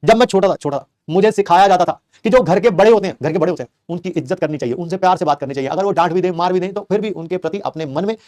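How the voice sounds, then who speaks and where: A middle-aged man from tells a story to his class in a quick, high voice. He jokes and acts out his relatives' lines with energy. The sound is close and dry. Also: no room sound. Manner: animated, joking, acts out family quotes. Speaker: teacher. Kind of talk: storytelling aside in a class lecture.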